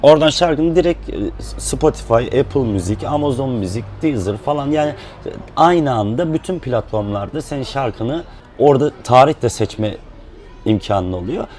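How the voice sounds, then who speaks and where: A man speaking in a relaxed, explanatory way, with fillers, as a musician guest in a casual chat. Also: medium pitch, normal speed.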